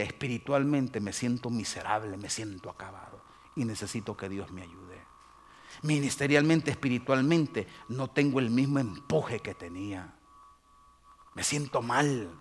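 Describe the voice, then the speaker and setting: A man, preaching a lively sermon as pastor and acting out his congregation's excuses. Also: mid-range voice, a little hiss or hum. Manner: animated, mimics churchgoers' excuses.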